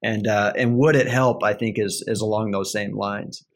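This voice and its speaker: A man's voice: lowish voice, fairly even intonation, normal speed. A man hosting a casual podcast interview, talking conversationally and often tagging his points with "right?". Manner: conversational, many fillers and "right?" tags. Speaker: podcast host.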